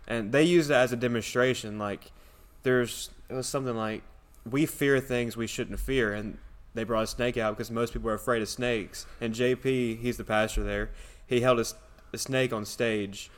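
A man's voice: medium pitch, fairly even intonation, moderate pace, hardly any pauses. A man co-hosting a podcast in a casual, conversational style, with the echo of a church sanctuary. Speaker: podcast co-host. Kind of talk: casual chat.

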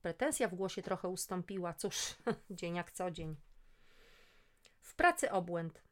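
A woman reading a story aloud in a lively, expressive way as a storyteller. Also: lowish voice, a little slow.

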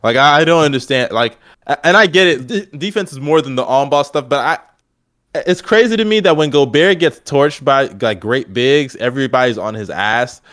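A man's voice: medium pitch, lively intonation, normal speed, a bit bright, no echo, clean studio sound. Blunt man ranting about basketball. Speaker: podcast co-host. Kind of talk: casual sports debate.

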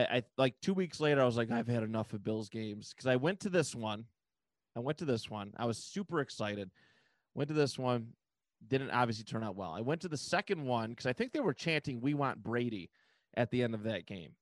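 A man's voice: medium pitch, no room sound. A man co-hosting a podcast, chatting casually about football, rambling with lots of fillers and restarts. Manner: rambling, hesitant, many fillers. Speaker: podcast co-host. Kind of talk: casual sports chat.

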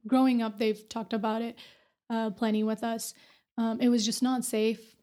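Young woman with a flat, mellow voice. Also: a little high, moderate pace. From Afghanistan. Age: 20s. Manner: earnest, plainspoken answers. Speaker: podcast guest, medical student. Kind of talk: casual interview.

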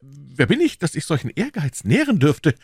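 A man plays a young musketeer in a read-aloud novel, brooding and declamatory. The voice sits well above the reader's own, with lively, swooping melody and a dry, close sound. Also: on the high side, normal speed, slightly rough, no echo, voice pushed up, full character voice. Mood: melancholy. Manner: declamatory, swinging between gloom and rapture. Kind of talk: audiobook character voice.

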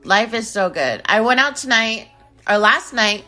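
A young woman in her twenties with a bright, forceful voice hosts her solo podcast from home, talking loosely and playfully. She jumps from loud outbursts to low mumbled asides and sometimes sings a line. A faint music beat plays behind her. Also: lively intonation, unhurried. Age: 20s. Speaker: podcast host. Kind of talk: casual solo podcast chat. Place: home in Arizona. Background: music beat playing.

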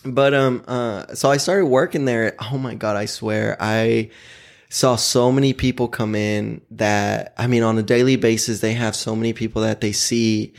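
A man's voice: lowish voice, steady tone, moderate pace, creaky. A young man from Oklahoma telling candid personal stories in casual conversation, laughing often and swearing freely. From Oklahoma, USA. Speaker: podcast guest.

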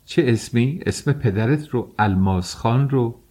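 A man's voice: mid-range voice, warm tone, voice pushed up, natural voice. A man reading an audiobook, voicing a self-pitying older mother-in-law who wails and reproaches. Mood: demanding. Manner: wailing, reproachful.

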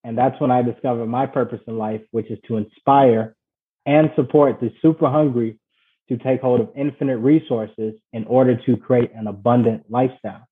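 A man's voice: mid-range voice, fairly even intonation, moderate pace. A man from Ghana, a guest on an interview show, telling his life story in an earnest, reflective way. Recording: tinny phone-like line.

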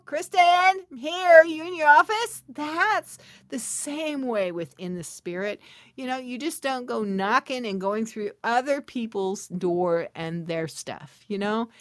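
Her voice a little high, a middle-aged podcast host chats with listeners in a playful, casual way, speaking straight to them with asides and laughter. She occasionally whispers to make a point, and the studio-quality audio has no room sound.

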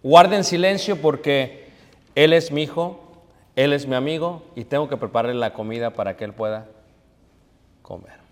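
A man's voice: medium pitch, normal speed, long pauses, in a large hall. A man preaching a conversational sermon as a pastor, often asking the congregation to finish the verses.

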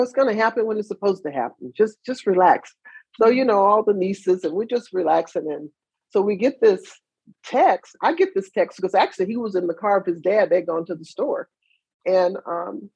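A woman with a gravelly, husky voice speaks earnestly as she recounts family moments in an interview. Her delivery is reflective and animated, and the slightly dull, lo-fi audio softens her tone. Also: on the low side, no room sound. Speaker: mother of a basketball player, guest. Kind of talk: emotional interview storytelling.

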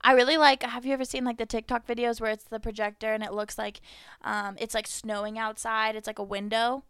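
Smooth-voiced young woman, easygoing chat. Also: on the high side, flat delivery, brisk, a bit bright, no room sound, clean studio sound. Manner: easygoing, giggly, heavy on "like" fillers. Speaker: podcast co-host. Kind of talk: casual chat. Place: home bedroom. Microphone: large studio-style microphone.

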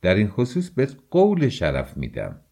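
A man's voice: lowish voice, wildly swooping pitch, mellow, full character voice. A male audiobook reader voicing a tense, brooding young man who speaks bluntly and urgently, with threats in his voice. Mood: tense defiant.

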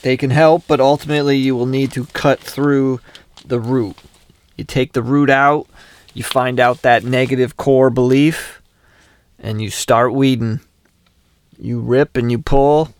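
A man co-hosting a podcast, talking in a halting, casual way. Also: mid-range voice, steady tone, clear, resonant tone. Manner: halting, with fillers and restarts. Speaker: podcast co-host. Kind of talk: casual chat.

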